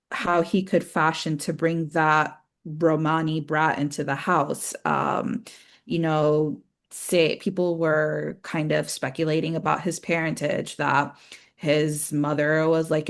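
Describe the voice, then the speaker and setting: A woman co-hosting a casual talk podcast, giving commentary in a halting, filler-heavy way. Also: low voice, vocal fry. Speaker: podcast co-host.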